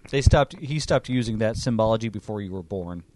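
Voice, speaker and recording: A man's voice: fairly low pitch, expressive, a little fast, darkish tone. A man running a tabletop game as game master, narrating in a laid-back, dry way.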